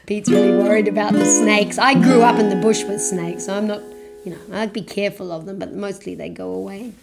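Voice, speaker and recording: A woman telling a children's story in an animated, chatty way, sometimes singing a chorus. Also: mid-range voice, brisk, creaky. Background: guitar music.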